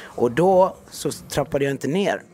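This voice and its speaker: A man's voice: a little high, expressive, mellow. A man in his thirties, a podcast guest telling his story in a casual, slangy way that repeats itself. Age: 30s.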